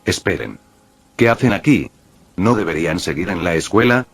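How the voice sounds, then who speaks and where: A man's voice: deep voice, expressive, moderate pace, breathy edge, heavily acted. A man voicing a shaken, secretive teenage boy in a read-aloud fan story, speaking tensely. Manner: tense, frustrated.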